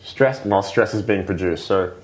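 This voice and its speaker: A man's voice: fairly low pitch, normal speed. A man, a breathwork coach, explaining things patiently as a podcast guest, with lots of fillers and "right?" checks. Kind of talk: casual explanatory interview talk.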